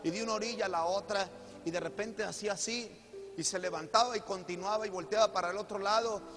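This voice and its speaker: High-voiced Mexican preacher telling his story. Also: steady tone, fast. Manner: storytelling, repeats phrases, addresses audience directly. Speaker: preacher giving testimony. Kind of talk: sermon testimony. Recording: echoey hall with music behind.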